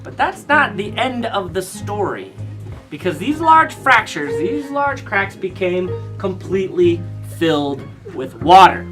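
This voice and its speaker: A man's voice: high-pitched, sing-song, measured pace. An American man working as a cave tour guide, telling stories and explaining in a folksy way, putting questions to his group. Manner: echoing cave guide delivery. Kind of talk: guided tour talk with storytelling. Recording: echoey, distant, with guitar music underneath.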